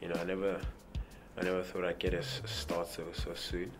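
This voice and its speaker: This young South African man, a rugby player, has a very low voice and speaks fairly quickly. He rambles comfortably through an interview answer in front of a press backdrop, stumbling on repeated words and leaning heavily on "you know," while clear music plays underneath throughout.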